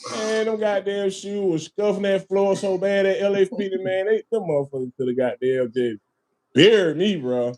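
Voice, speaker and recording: A man's voice: high voice, moderate pace, a little mellow. A man hosting a casual podcast, telling a long story with lots of swearing, laughter and "man" and "bro" thrown in. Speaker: podcast host.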